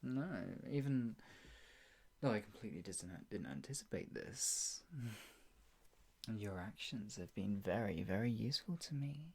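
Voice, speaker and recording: In an ASMR roleplay, a performer voices an obsessive, possessive kidnapper with a slow, smug delivery laced with teasing sighs and chuckles, often dropping into a breathy, taunting whisper. The mid-range voice is expressive and slightly mellow. The mood is sly and smug.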